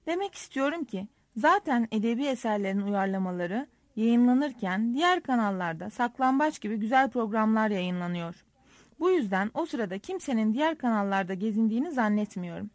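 Excitable gossipy young society girl, done by a woman narrator. Gushing, pitched high, dry close recording. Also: brisk, dry recording, natural voice.

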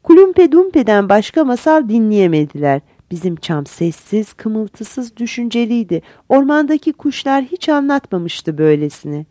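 A woman reads a fairy tale aloud, rising and falling through a lively, expressive telling. Her voice is mellow and warm, recorded close and dry. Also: on the high side, normal speed, hardly any pauses, no room sound. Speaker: narrator. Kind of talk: storybook reading.

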